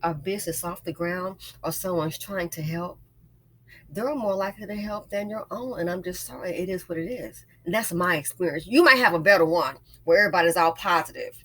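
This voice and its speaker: A woman's voice: lowish voice, brisk, a bit bright, slightly rough, poor audio. A woman giving a casual, opinionated monologue as an online host, emphatic and often repeating phrases to drive a point home. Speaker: YouTube host and small business owner.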